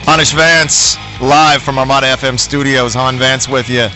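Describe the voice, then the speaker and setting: A man's voice: medium pitch, steady tone, normal speed, bright, forceful tone, soft background music. A middle-aged man hosting a sports radio show in a studio, brash, opinionated and folksy. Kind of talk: sports talk radio monologue.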